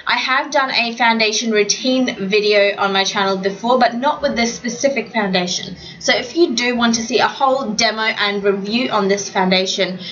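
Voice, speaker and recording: A woman's voice: fairly high pitch, normal speed, hardly any pauses, fairly bright tone, highs cut off. A young woman, talking through a makeup tutorial in a chatty voiceover and now and then getting tongue-tied. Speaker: beauty vlogger. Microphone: home voiceover mic.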